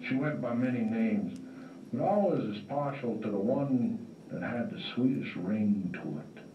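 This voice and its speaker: Actor as weary noir gumshoe narrator, slow wry drawl, roomy distant lo-fi sound with faint music. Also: male voice, lowish voice, expressive, slight background noise. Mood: world-weary. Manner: drawling, slow, wry tough-guy delivery. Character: world-weary hardboiled male detective narrator. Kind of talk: film-noir voice-over narration.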